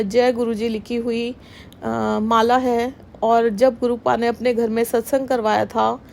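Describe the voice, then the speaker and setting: Slow, emotional devotional woman speaker. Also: on the high side, a little mellow, a little hiss or hum. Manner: emotional, earnest, addresses listeners as sangat ji. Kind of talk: devotional testimony to followers.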